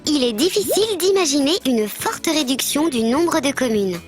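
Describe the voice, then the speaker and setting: Voicing a friendly bird mascot, a woman delivers scripted educational narration for a civics explainer, keeping it structured and didactic. Her voice is high with lively intonation, her speed normal, and faint music plays behind her. The mood is friendly and instructive, fitting an educational programme presenter.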